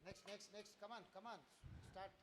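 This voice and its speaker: A man hosting a community event, calling people up and hurrying them along. He talks fast in a fairly high voice. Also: level tone, fairly bright tone. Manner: brisk, directive, hurrying participants. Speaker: event organizer and host.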